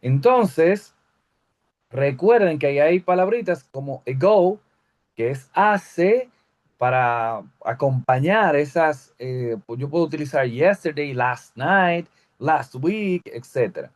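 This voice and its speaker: Male teacher, slightly high voice, patient step-by-step grammar explainer. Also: expressive. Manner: explains step by step, reads English examples slowly. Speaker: English teacher. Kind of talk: recorded grammar lesson.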